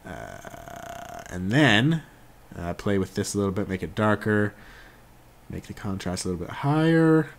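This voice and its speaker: Laid-back young man with a deep voice. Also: wildly swooping pitch, unhurried, gravelly, slight background noise. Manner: laid-back, jokey, self-correcting, talks while working. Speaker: tutorial host. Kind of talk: casual screen-recorded software tutorial.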